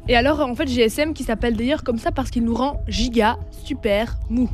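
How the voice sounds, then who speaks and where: A woman's voice: on the high side, brisk. A young Belgian woman with a Belgian French accent, hosting a playful mock lesson as a teasing quizmaster in a radio studio. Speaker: radio columnist. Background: faint music.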